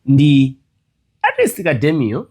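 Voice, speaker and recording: A man hosting an interview, asking halting questions and giving short acknowledgements. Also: a little high, huge pitch swings, a little mellow. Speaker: interview host.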